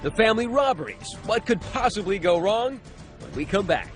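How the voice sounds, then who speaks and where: A man's voice: sits high, very animated, moderate pace. A man narrating a true-crime news story in a punchy, suspenseful scripted style with wry asides. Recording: music bed under narration. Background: music.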